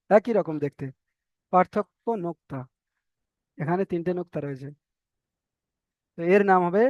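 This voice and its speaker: A man teaching the Arabic alphabet in a patient, slow lesson, with a Bengali accent, stretching out each letter sound as he demonstrates it. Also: sits high, a little mellow, no room sound. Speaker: Quran reading teacher.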